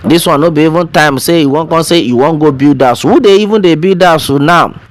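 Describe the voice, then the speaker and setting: A man's voice: fairly high pitch, fairly quick. A man with a Nigerian accent speaking Nigerian Pidgin, giving informal commentary in an emphatic, pleading way full of rhetorical questions. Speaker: online news commentator. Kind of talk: informal spoken commentary, direct appeal.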